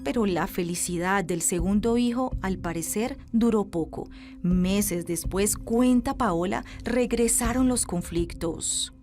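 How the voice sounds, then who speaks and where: A woman with a Colombian accent giving measured, grave, scripted narration for an investigative news report. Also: mid-range voice, over music.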